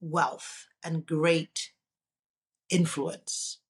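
A woman from Nigeria, a guest on an interview show, telling her story in a relaxed, chatty way. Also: sits low, drawn-out words. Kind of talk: casual interview conversation.

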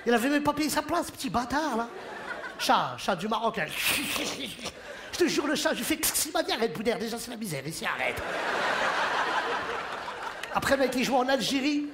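High-voiced man doing a stand-up show. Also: moderate pace, long pauses, very noisy. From Morocco. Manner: animated, joking, puts on voices for characters. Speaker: stand-up comedian. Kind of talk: stand-up comedy routine. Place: theater stage. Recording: live show in a hall, audience laughter. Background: audience laughing and cheering.

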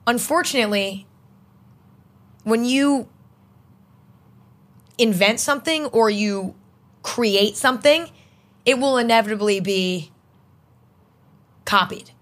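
A woman's voice: fairly high pitch, slow pace, long pauses, fairly bright tone. Young woman chatting in a loose, rambling way. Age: young adult. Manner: rambling, heavy use of "like". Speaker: interview guest, video creator. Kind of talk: casual chat.

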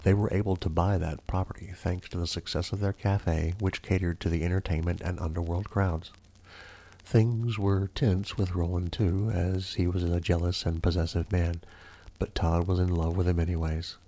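A man's voice: sits low, little pitch movement, normal speed, mellow. A man narrating true crime as a podcast host in an ASMR style, with theatrical, formal storyteller phrasing. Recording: faint music behind the voice. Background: faint music.

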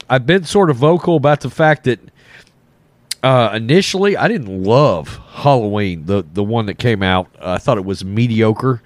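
A man hosts an off-the-cuff trailer reaction with a voice thickened by a cold and swollen, sore throat. His pitch is average and his delivery is blunt and conversational. The sound is close and dry, with little room to it. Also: no echo. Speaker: host of a film reaction channel.

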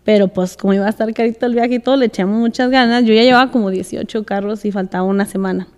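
A woman telling a story in a relaxed podcast chat, laughing often and slipping English words in. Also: medium pitch, racing, clear, resonant tone, in a large hall. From United States. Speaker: podcast guest, escaramuza rider.

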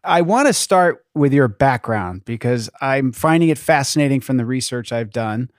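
A man's voice: mid-range voice, animated, normal speed, dry recording, studio quality. A man hosting a podcast, reading a scripted introduction and then asking friendly, conversational questions. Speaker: podcast host. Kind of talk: podcast interview.

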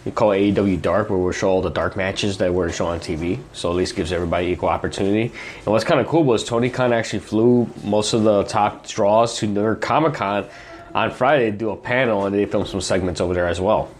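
Low-voiced young man hosting a podcast. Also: fast talker, slight background noise. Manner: rambling, filler-heavy, eating while talking. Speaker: podcast host. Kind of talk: casual podcast chat.

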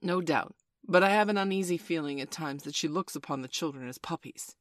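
A woman's voice: deep voice, fairly quick, no room sound, clean studio sound, lightly acted. A woman voicing a blustering, sarcastic middle-class father in a storybook, with a pompous, emphatic, theatrical delivery. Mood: uneasy. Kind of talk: storybook character voice.

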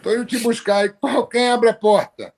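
High-voiced slangy man. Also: steady tone, moderate pace, gravelly, darkish tone. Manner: slangy, swearing, laughing storyteller. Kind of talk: casual chat.

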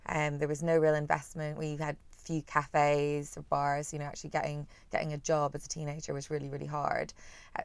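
A woman in her thirties with a soft, well-travelled Northern Irish accent, answering questions conversationally as an interviewed writer. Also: low-pitched, clear, resonant tone, no echo. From Belfast, Northern Ireland, partly raised in Singapore.

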